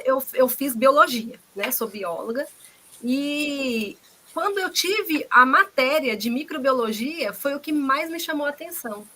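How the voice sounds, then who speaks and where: A woman's voice: high-pitched, pushed and bright, slight background noise, poor audio. A woman with a Brazilian Portuguese accent, a guest biologist, earnestly recounting her career with frequent restarts. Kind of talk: conversational talk about her career.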